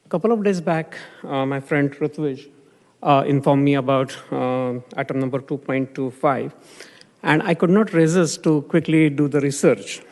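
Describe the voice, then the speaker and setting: A man from India giving a public comment at a city council meeting, halting with many fillers and restarts. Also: a little high, darkish tone. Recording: long hall reverb.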